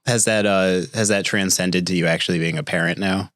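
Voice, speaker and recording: A man hosting a podcast, asking questions in a relaxed, casual way. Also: low-pitched, fairly quick, no echo, clean studio sound. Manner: relaxed, with short agreeing replies. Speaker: podcast host. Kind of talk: casual interview chat.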